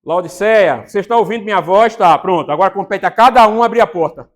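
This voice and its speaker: A man preaching a sermon as pastor, animated, acting out quotes and putting questions to the congregation. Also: high-pitched, fast talker.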